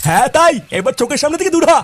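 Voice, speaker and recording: A man's voice: very high voice, animated, racing. A man playing a blustering old cartoon grandfather. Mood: angry. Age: older. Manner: scolding, blustering. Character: grumpy stingy old grandfather, quick-tempered. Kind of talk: cartoon voice acting.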